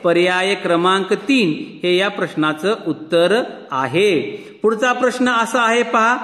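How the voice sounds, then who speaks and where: A man's voice: high voice, a little slow, a bit bright. A man with a Marathi accent teaching an exam-prep lesson, patiently asking questions and answering them himself. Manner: patient, asks and answers his own questions. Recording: echoey room with long reverb.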